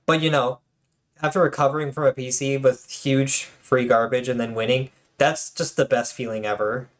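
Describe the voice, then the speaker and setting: A man's voice: mid-range voice, steady tone, moderate pace. A man hosting his own channel and commenting casually on tournament replays, chatty and joking, with lots of fillers and restarts.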